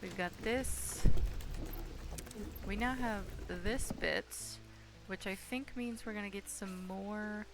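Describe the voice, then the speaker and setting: A woman's voice: mid-range voice, slow, low-quality recording. A woman streaming a game, musing aloud, reading game text and chatting to her viewers. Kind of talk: casual gameplay commentary. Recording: game music behind the voice.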